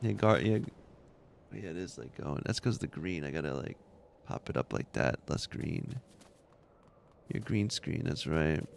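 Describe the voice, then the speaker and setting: A man's voice: a bass voice, animated, a little slow, vocal fry, long pauses, a little hiss or hum. A man streaming a game from his room at home, chatting casually with viewers and telling rambling, laughing anecdotes full of restarts. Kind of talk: casual chat with stream viewers while gaming.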